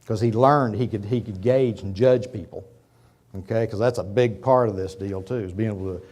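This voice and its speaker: A businessman in his fifties from Oklahoma, guest lecturing in a university auditorium, wanders through a folksy, conversational talk with many asides to his listeners. A cold is making him lose his voice, which sits lowish and a little mellow, at a moderate pace.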